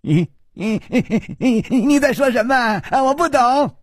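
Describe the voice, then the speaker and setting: A man doing a shrill, giggling madman. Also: animated, a little slow, breathy edge, dry recording, studio quality, heavily acted. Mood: manic. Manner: stammering, giggling, shrieking. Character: young man feigning madness, shrill, giggling, childish.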